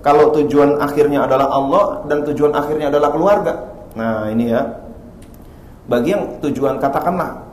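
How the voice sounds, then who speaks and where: Animated man preaching in an echoey hall. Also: a little high, moderate pace. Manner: animated storytelling, acts out dialogues. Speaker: speaker at a workplace spirituality seminar. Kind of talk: religious motivational talk. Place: office tower event hall. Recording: echoey hall with faint noise.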